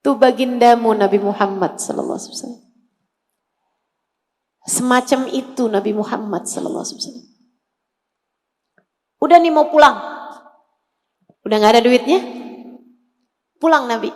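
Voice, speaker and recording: A woman in her forties from Indonesia, preaching a sermon as an expressive storyteller who swings between soft and loud. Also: on the high side, normal speed, long pauses. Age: 40s. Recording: echoing hall reverb.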